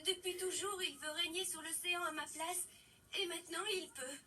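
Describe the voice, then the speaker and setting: A woman's voice: very high-pitched, fairly even intonation, moderate pace, pushed and bright, distant mic, a little hiss or hum. A woman voicing an earnest, dramatic queen of the ocean in a children's cartoon. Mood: plaintive. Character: plaintive, grateful queen of the ocean. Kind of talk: French-language children's cartoon dubbing.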